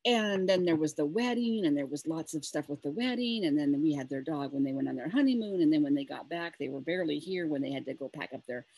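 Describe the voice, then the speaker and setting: A woman's voice: sits low, expressive, quick pace, few pauses, warm tone, slightly rough, no room sound. A middle-aged woman co-hosting a casual chat, telling a rambling, emotional story with many restarts. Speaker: co-host.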